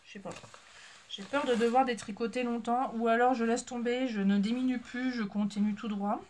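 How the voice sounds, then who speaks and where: A woman's voice: on the high side, steady tone, normal speed, darkish tone, slight background noise. Lady rambling away to the camera, lots of euhs, laughs at herself. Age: adult with a child. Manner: chatty, rambling, self-mocking, many fillers. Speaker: sewing and knitting vlogger. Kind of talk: casual chat to camera.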